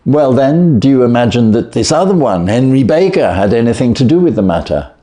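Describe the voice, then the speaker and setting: A man's voice: mid-range voice, sing-song, a little fast, dark tone, natural voice. A man reading the part of an earnest, inquisitive Victorian doctor, a detective's loyal companion, politely questioning in an audiobook. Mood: curious.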